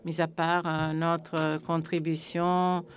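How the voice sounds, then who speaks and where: Female interpreter, voice a little on the low side, relaying a panel speaker's remarks live. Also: flat delivery, takes it slowly, background noise.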